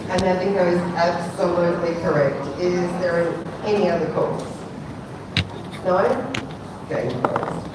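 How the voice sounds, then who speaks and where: A woman working as a bingo caller, reading out numbers digit by digit in a measured sing-song formula that drops at the end of each call. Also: on the low side, steady tone. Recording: very echoey, distant, noisy hall PA.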